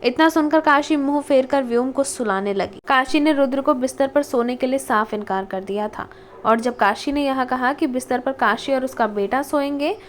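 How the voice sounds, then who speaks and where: A woman's voice: high-pitched, normal speed. Woman narrating a romantic audiobook. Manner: steady storytelling, reads dialogue tags.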